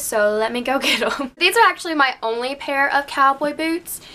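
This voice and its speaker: Bright young Southern woman vlogging. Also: high-pitched. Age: young adult. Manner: chatty, laughs often, quick asides. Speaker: beauty vlogger. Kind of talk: casual chat to camera. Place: at home, alone.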